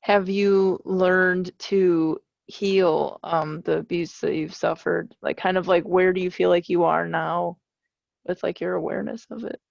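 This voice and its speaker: A woman hosting an interview, responding supportively and asking gentle questions. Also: fairly low pitch, steady tone, unhurried, gravelly, dry recording, muffled recording. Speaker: host. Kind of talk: interview conversation.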